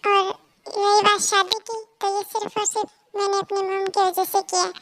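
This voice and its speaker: A rude young husband in a fan audio story, short-tempered and dismissive, as a woman reads him. The voice stays extremely high. He cuts people off with curt, irritated remarks. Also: level tone, normal speed, heavy background noise.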